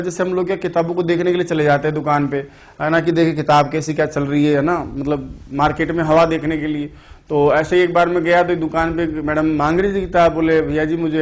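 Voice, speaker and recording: A man teaching Sanskrit in an online exam-prep class, telling chatty stories, putting questions to the students and explaining slowly and deliberately. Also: on the high side.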